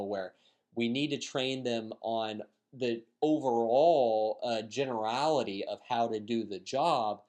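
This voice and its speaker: A man who runs a pet care business, talking casually to camera with a nasal, congested voice from being sick, loose and chatty with plenty of filler words. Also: mid-range voice. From Florida, United States. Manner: relaxed, conversational with frequent filler words. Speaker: pet care business owner and channel host. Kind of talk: casual talking-head vlog.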